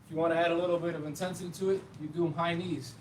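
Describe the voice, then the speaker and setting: A man's voice: a little high, little pitch movement, rapid-fire, reverberant. A man leading a short home workout, explaining each exercise in a casual, encouraging way as he does it. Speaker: fitness instructor. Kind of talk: workout demonstration. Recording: distant mic with clear background noise.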